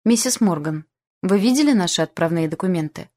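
A woman voicing a calm male ship captain who speaks in a measured, matter-of-fact way, in an audiobook. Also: lowish voice.

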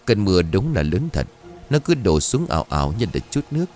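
Give me a deep-voiced man narrating a spooky tale expressively, with lively pitch. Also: brisk, soft background music. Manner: expressive, dramatic reading. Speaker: storyteller. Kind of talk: ghost story narration.

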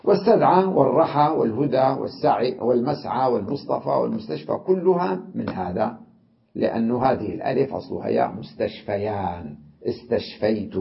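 A man teaching an Arabic grammar lesson, explaining patiently and repeating example words slowly. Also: mid-range voice, vocal fry, dull audio.

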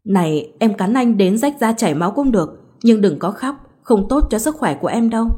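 A woman's voice: mid-range voice, lively intonation, a little fast, mellow, slightly rough. A woman reading a doting young husband. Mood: worried.

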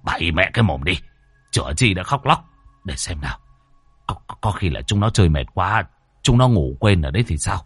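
A man voicing a gruff, short-tempered village father who scolds his wife in curt, rough words. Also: low-pitched, very animated, fairly quick, dry recording, exaggerated voice. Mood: brusque.

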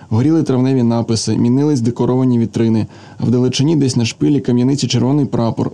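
A man reading a literary story aloud as an audiobook, in steady, measured narration. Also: medium pitch. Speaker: reader.

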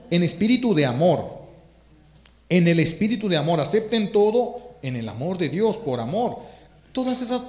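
A priest giving a fervent sermon, repeating phrases for emphasis. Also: male voice, sits high, darkish tone, reverberant.

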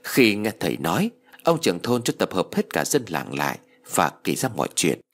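A man narrating a ghost story in an expressive storytelling manner with a husky voice. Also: deep voice, normal speed.

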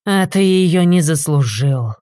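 A woman voicing a drunken, belligerent male demon posing as a worker, loud and slurring. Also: on the high side, animated, takes it slowly, dry recording. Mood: mocking.

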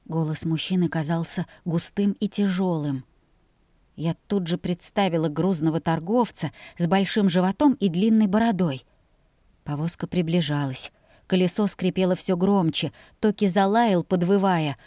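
A woman reading a first-person audiobook narration in a soft, measured way. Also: fairly low pitch, no echo, clean studio sound.

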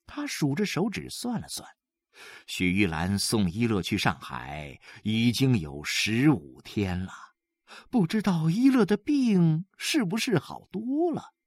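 Slow, dramatic male storyteller. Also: low voice, dry recording, studio quality. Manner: dramatic, slow, emotionally varied. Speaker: audiobook narrator. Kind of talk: expressive literary narration.

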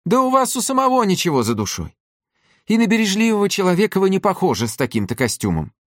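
A man reading an audiobook, voicing a fierce old working-class mother who shouts and scolds. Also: high voice, wildly swooping pitch, quick pace, dry recording, studio quality, voice pushed up, full character voice. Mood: scolding.

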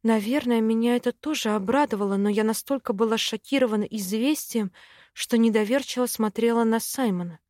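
A woman reading a first-person fantasy novel aloud in an even, steady way. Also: a little high, a little fast, no echo, clean studio sound. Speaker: audiobook narrator.

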